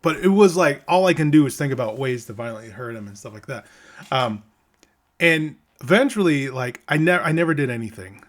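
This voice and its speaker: A man's voice: mid-range voice, lively intonation, a little fast. Man, middle-aged, casual storyteller, rambling, restarts a lot, plays out quoted lines. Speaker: vlogger telling a story from his game tester days.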